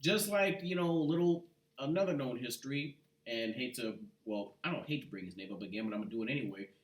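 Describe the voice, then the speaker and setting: A man co-hosting a casual podcast chat, talking in a rambling, animated way full of asides. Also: mid-range voice, fast. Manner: rambling, animated, full of "you know what". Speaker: podcast co-host. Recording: echoey room, far from mic.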